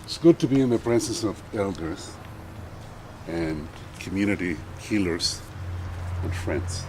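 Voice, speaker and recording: An older man from Chile speaking solemnly and in measured phrases at an outdoor memorial gathering, standing away from the microphone. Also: low voice, animated, noisy background. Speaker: poet. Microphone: far from the mic.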